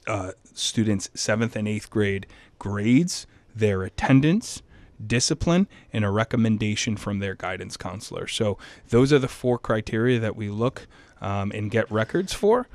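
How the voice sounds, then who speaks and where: Brief: passionate middle-aged man, school leader in an interview, lowish voice, dry close sound. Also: no room sound. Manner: energetic, passionate, repeats himself. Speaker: high school administrator. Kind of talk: interview answers.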